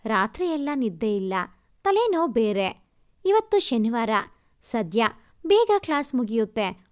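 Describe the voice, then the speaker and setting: Young woman narrating with a high, lively voice. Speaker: audio story narrator. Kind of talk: first-person story narration.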